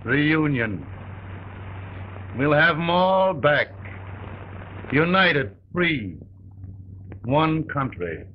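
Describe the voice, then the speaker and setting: An actor playing a weary, folksy, merciful wartime president in an early talkie film, with gravelly, deliberate, homespun delivery. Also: male voice, on the high side, sing-song, full character voice. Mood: solemn, weary. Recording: tinny, noisy early sound film track.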